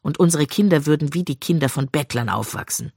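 A reader voicing a controlling young husband who lectures his wife in a low, threatening tone. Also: lively intonation, brisk, darkish tone, slightly rough, no echo, studio quality. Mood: menacing. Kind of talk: audiobook reading.

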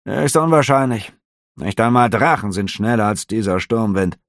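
A gruff, guarded half-elf officer, read by a man in a fantasy audiobook. He growls his short answers coldly, with a gravelly edge, a little raised and louder than the narration. The sound is close and dry. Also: fairly low pitch, moderate pace, dry recording, pitched above the performer's own voice, natural voice. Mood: curt. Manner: growling, curt, cold.

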